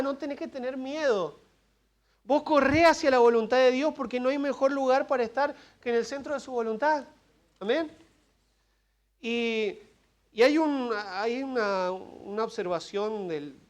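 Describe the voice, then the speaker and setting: Argentine man, pastor, high voice; preaches through a text in a chatty way, joking and asking the congregation questions. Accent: Argentine Spanish. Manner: conversational preaching with asides, humor and questions to the congregation. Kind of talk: expository sermon. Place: church service.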